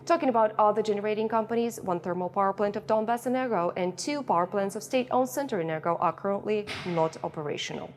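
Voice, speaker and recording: A woman's voice: mid-range voice, darkish tone. A woman with a Ukrainian accent gives a prepared statement as a company press secretary, recorded inside a bomb shelter. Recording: long echo of concrete shelter, noisy.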